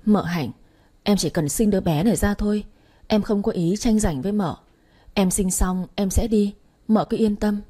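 A woman's voice: mid-range voice, warm tone, slightly rough, natural voice. A woman voicing a pregnant young servant girl who answers defiantly and without hurry. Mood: tearful pleading. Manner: unhurried, defiant replies.

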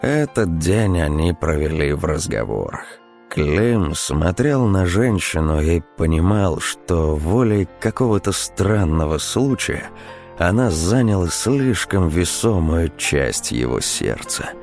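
A man reads a story aloud in a measured, even delivery. His voice is very deep and his pace slow. Faint music plays under the reading. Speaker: narrator. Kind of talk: audiobook narration.

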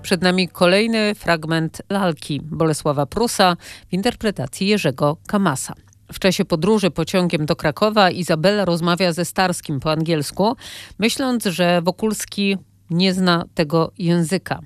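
A woman presenting on the radio, introducing a reading in a calm, matter-of-fact scripted way. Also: on the low side, normal speed, dry recording, studio quality. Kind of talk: scripted announcement.

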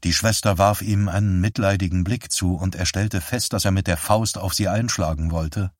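A man reading an audiobook as narrator, in a measured, solemn way. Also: low voice, fairly even intonation, no room sound, clean studio sound.

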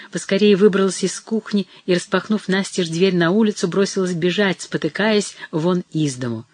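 A reader narrating a dramatic novel in a measured, storytelling manner. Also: medium pitch, no echo. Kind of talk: audiobook narration.

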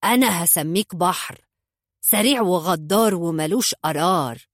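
A woman's voice: lowish voice, animated, normal speed, no room sound, studio quality, close to an everyday voice. A woman voicing a curt, irritable male gang boss with an Egyptian accent in a storybook. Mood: domineering. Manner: curt, bossy, coarse.

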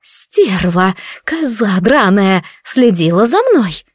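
A woman's voice: medium pitch, big pitch swings, slow, slightly rough, no room sound, clean studio sound, exaggerated voice. A woman voicing a spiteful, jealous young maid who talks in a venomous, mocking hiss.

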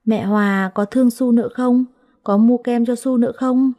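A woman voicing a timid four-year-old girl who speaks softly, as in a storybook reading. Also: a little high, fairly even intonation, normal speed, voice pushed up, natural voice. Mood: worried. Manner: soft, lisping child talk.

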